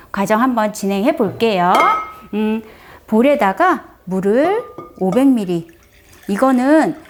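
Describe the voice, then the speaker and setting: A middle-aged woman chatting through a step-by-step home demonstration, friendly and explanatory, presenting for a brace clinic. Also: medium pitch. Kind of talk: casual how-to demonstration.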